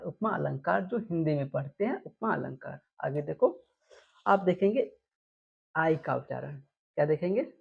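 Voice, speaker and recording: Gravelly-voiced woman teaching spelling. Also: lowish voice, a little mellow. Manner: repeats words and quizzes with questions. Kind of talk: explaining rules to students. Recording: dull lo-fi recording.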